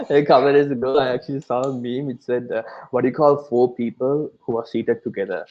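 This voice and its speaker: A man's voice: mid-range voice, moderate pace, dull audio. A man in his twenties, a podcast co-host, chatting casually and laughing between filler-heavy sentences. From Sri Lanka. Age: 20s. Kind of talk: casual chat.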